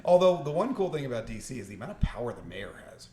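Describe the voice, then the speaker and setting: A man's voice: mid-range voice, sing-song, rapid-fire, noisy background. A man co-hosting a casual podcast chat, joking and laughing often before steering back to the topic. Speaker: podcast co-host.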